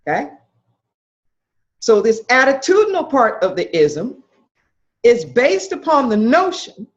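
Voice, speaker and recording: A woman's voice: fairly high pitch, highs cut off. A woman minister teaching a class, emphatic, posing questions to her listeners and repeating their answers back. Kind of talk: interactive spiritual lecture.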